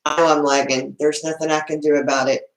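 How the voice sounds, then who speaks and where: Female livestream host, Southern US accent, lowish pitch, informal folksy chat with viewers, echoey room. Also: flat delivery, a little fast. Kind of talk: casual live-stream chat, greeting viewers. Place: indoor room at home.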